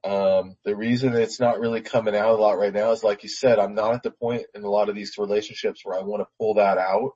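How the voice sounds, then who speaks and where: A man's voice: on the low side, steady tone, quick pace, few pauses, dark tone, breathy edge, dull audio. A man being coached on a call, answering earnestly and often restarting his phrases. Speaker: team leader being coached. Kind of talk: call conversation.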